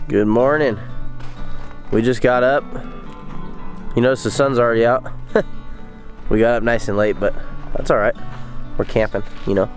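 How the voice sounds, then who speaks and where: Laid-back young man on a fishing trip. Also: on the low side. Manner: easygoing, laid-back, says "man" and "you know" a lot. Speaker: fishing vlogger. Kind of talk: casual vlog narration. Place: outdoors at a lake and campsite. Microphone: camera held at arm's length.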